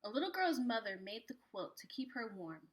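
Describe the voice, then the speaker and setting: Reading aloud from a picture book for little kids, this woman sounds like a preschool teacher, animated and full of expression. Her pitch runs fairly high and she moves along quickly.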